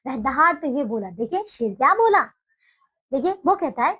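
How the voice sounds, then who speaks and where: High-voiced woman teaching a story to kids. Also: big pitch swings, normal speed, bright, forceful tone, poor audio. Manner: explains words, repeats "ठीक है". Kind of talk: storybook lesson for children.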